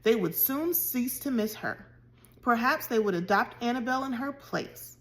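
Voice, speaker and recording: A woman reading a children's novel chapter aloud in an expressive storytelling way. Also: a little high, moderate pace. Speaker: reader.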